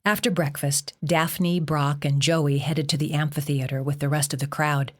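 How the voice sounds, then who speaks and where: A woman with a low voice narrates a novel as an audiobook, reading steadily and evenly. Her delivery is plain and measured. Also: steady tone. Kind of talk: scripted narration.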